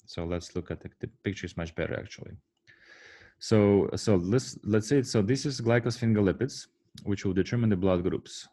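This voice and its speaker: Deep-voiced man lecturing with many fillers. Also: dark tone. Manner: halting, many fillers and restarts; asks the class rhetorical "right?" checks. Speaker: university lecturer. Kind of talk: classroom lecture.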